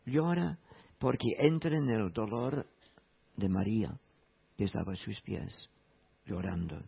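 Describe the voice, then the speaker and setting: A man preaching a sermon in a slow, emphatic way, repeating key phrases. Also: fairly low pitch, creaky, breathy edge. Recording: tinny phone-like sound.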